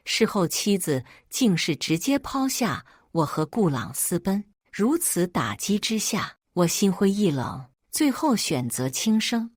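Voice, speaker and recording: Woman reading an emotional story aloud, lowish voice, dry close sound. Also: dry recording. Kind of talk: scripted first-person story narration.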